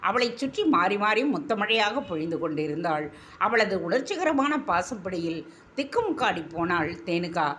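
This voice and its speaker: A woman narrating a serialized story in an expressive, measured reading. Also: on the low side, slight background noise.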